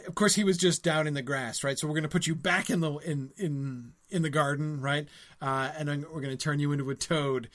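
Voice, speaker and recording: This book discussion stream host has a fairly bright, slightly high voice as he responds to viewers live. His delivery is hesitant and full of ums, and he finishes points with "right?" He reads passages out loud between his remarks.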